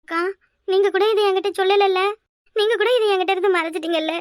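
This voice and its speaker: A woman's voice: very high-pitched, fairly quick, fairly bright tone, dry recording, clean studio sound. A woman voicing a wailing young daughter-in-law. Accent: Kanyakumari Tamil. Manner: wailing, pleading. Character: pregnant young daughter-in-law, tearful and dramatic. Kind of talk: cartoon voice acting.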